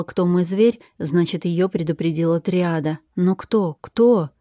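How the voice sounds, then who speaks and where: A woman reading a first-person fantasy story aloud with steady, expressive narration. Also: on the low side, dry recording, clean studio sound. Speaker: audiobook narrator.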